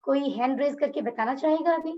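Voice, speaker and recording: Over a video call, a woman lectures an online Quran class, patiently explaining words and asking her students questions. She speaks fairly quickly in a high voice, and the sound is lo-fi.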